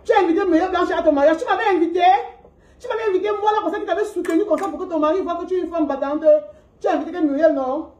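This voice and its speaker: A Cameroonian woman with a high-pitched voice delivers a scolding live-stream rant. She mocks her target and keeps asking the same rhetorical questions. The sound is roomy and echoing. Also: steady tone, rapid-fire, darkish tone, highs cut off. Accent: Cameroonian French. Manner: mocking, repetitive rhetorical questions. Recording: roomy echo.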